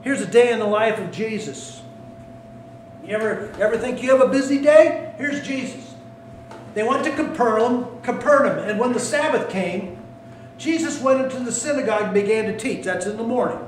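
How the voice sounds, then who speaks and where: A male pastor preaching a sermon, animated and swinging between loud calls and hushed asides, recorded in a church sanctuary. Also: high-pitched, normal speed, slight background noise. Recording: echoey room, mic at a distance.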